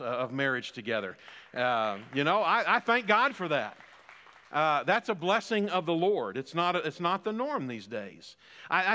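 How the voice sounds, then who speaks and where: Preaching in a large hall, the man in his fifties uses mounting repetition to build emphasis in his sermon. His voice sits a little high and sounds pushed and bright.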